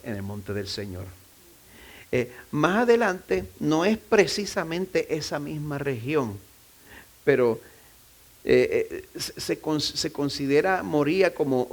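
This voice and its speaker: Man preaching a conversational sermon. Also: medium pitch. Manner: conversational preaching with frequent restarts and self-deprecating asides. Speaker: pastor. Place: church.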